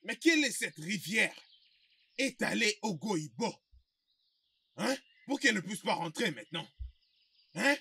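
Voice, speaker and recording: Dub role: a worried husband, bright husky voice, dry sound. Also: male voice, high voice, very animated, unhurried, pauses often, dry recording, exaggerated voice. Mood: concerned. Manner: questioning, concerned. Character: adult husband, anxious and protective of his pregnant wife. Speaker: husband in a dubbed film. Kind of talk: French film dub acting.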